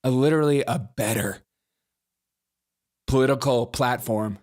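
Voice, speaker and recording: A man hosting a political commentary show, sarcastic, mocking and energetic. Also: medium pitch, unhurried. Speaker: host.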